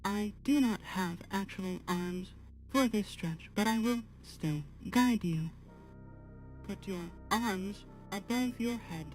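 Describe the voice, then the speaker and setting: Voicing a courteous artificial-intelligence assistant, a woman speaks slowly to a live chat, calm and guiding, apologetic and gently earnest. Her medium, slightly mellow voice stays measured, halting and formal, never using contractions, over faint music in a rough recording.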